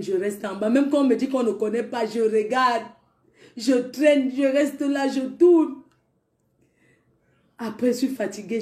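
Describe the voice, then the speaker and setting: Animated woman telling a story, echoey room. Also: on the high side. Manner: animated, talks to listeners directly. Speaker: storyteller vlogger. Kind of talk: casual spoken storytelling.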